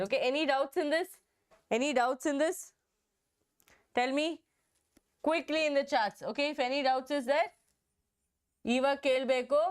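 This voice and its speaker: Hoarse woman teaching biology. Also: high voice. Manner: repetitive, checks in with "okay". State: hoarse from a throat infection. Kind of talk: online exam-prep lesson.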